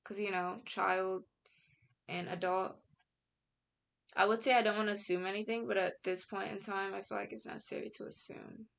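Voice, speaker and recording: Rambling young woman, gravelly fry. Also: mid-range voice, little pitch movement, moderate pace. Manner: rambling with many fillers and restarts; outspoken, frequent casual slang. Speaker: commentary vlogger. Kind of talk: casual reaction commentary.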